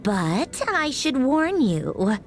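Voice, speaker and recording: Slow, sneering young villainess. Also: female voice, sits high, big pitch swings, exaggerated voice. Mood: menacing. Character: bitter, disdainful young villainess puppeteer. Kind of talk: video game voice acting. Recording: music under the voice.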